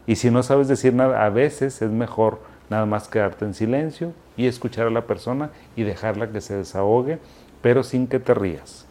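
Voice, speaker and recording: A man's voice: mid-range voice, moderate pace. A man, a mental health specialist, giving casual advice straight to the listener. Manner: warm direct second-person advice, with Mexican slang. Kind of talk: informal advice talk.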